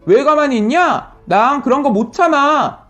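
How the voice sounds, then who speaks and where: Bossy eldest sister-in-law, sharp and taunting, storybook reading, put on by a woman reader. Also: high voice, expressive, unhurried, faint music behind.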